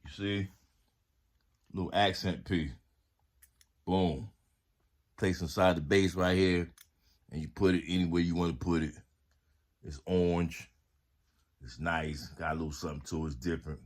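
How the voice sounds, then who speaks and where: A man with a very low voice gives a relaxed product haul review. He chats straight to his viewers in easygoing slang. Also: moderate pace, long pauses. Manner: laid-back, slangy, talks straight to viewers. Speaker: vlogger reviewing home products.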